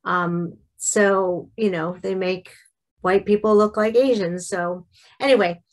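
A middle-aged woman talks to camera in a casual devotional vlog. She speaks slowly at a medium pitch, pausing and correcting herself as she goes. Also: fairly even intonation. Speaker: vlogger giving a devotional.

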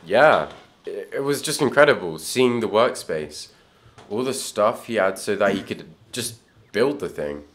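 A man acts as an impressed young friend in a spoof news interview. He gives earnest testimony in a slightly low voice. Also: lively intonation, unhurried, fairly bright tone. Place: conservatory.

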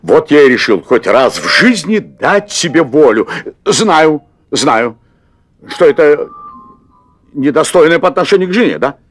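At a measured pace and a fairly high pitch, a very animated actor in his fifties delivers a long confession as a nervous middle-aged restaurant owner who wants adventure, hesitating and repeating himself. The setting is a theatre stage dressed as a hotel room in a play recorded for television.

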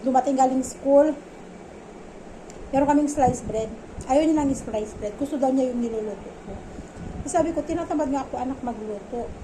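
A woman's voice: high voice, normal speed, long pauses, warm tone. A young Filipino mother chatting casually to her viewers in a home vlog, talking about her baby and snacks. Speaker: vlogger and mother. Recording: noisy home phone recording.

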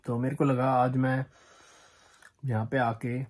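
Easygoing man with a husky voice. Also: medium pitch, little pitch movement, slow pace, darkish tone. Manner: easygoing, explaining to the camera. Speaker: vlogger. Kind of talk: casual family vlog talk.

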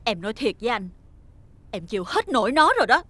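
A woman's voice: big pitch swings, fast talker, a bit bright, dry recording. An actress with a Southern Vietnamese accent playing a wealthy mother who dotes on her son but scolds his friend sharply. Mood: accusing. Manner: shrill and scolding. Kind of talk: TV drama acting.

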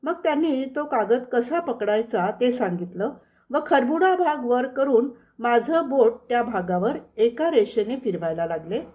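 A woman narrating a first-person memoir as a scripted audiobook reading, in a measured storytelling manner that touches quoted lines only lightly. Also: on the high side, animated, darkish tone.

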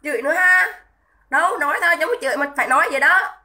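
Woman ranting on a livestream, high bright voice, scolding and indignant, keeps repeating herself. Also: quick pace. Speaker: livestream commentator. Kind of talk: livestream rant.

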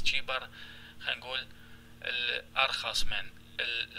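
Iraqi male English teacher, gravelly edge, patient step-by-step explainer for a recorded lesson. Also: medium pitch, sharp tone, a little hiss or hum, poor audio. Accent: Iraqi Arabic. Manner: patient step-by-step explaining, repeating example words.

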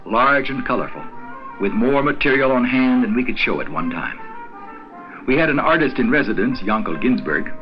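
Older man narrating an old film. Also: mid-range voice. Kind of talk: scripted narration. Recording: dull 1970s film soundtrack.

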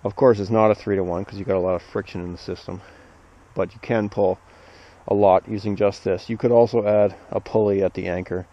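A male arborist instructor, speaking a little fast in a fairly low voice, walks through a knot step by step outdoors in snowy woods. His hands-on demonstration is steady and plainly explained, recorded as dull lo-fi sound from a head-mounted action camera.

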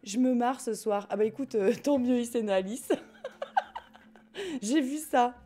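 A woman's voice: fairly high pitch, slow, mellow. A French woman live-streaming a game, chatting casually and giggling with her viewers. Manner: chatty, giggly, swears casually, talks to chat. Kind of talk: casual live-stream chat while gaming. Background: game music.

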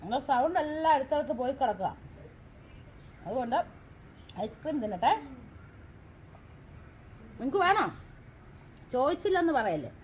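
A high-pitched, middle-aged woman vlogs from her home kitchen, her throat a little strained from so much talking. She rambles happily and keeps checking in with her viewers. Faint household sounds sit behind her. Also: big pitch swings, moderate pace, pauses often, reverberant, recorded from a distance, a little hiss or hum, poor audio. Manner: chatty, keeps checking in with viewers with tag questions. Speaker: home cooking vlogger. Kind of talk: casual chat to camera.

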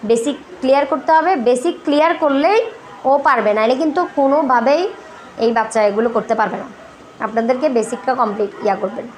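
A woman's voice: sits high, slight background noise. A woman giving firm instructions to teachers, often posing rhetorical questions. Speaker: teacher trainer.

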